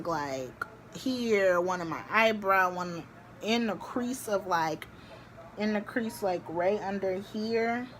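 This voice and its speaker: A young woman vlogging, telling a story to the camera in a chatty, animated way with many filler likes. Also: medium pitch, slight background noise. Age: young adult.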